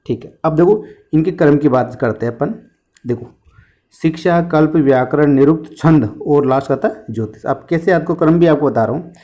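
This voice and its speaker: A man's voice: fairly high pitch, moderate pace, warm tone. Male tutor quizzing himself. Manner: explains with questions and answers to himself; uses memory tricks and jokes. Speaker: teacher. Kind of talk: exam-prep history lesson.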